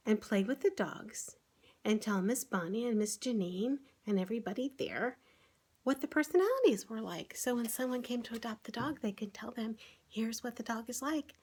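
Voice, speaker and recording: Talking her way through a picture book, this woman, a children's author and online story-time host, keeps tossing easy questions and exclamations to the kids listening. Her voice sits on the high side and sounds husky.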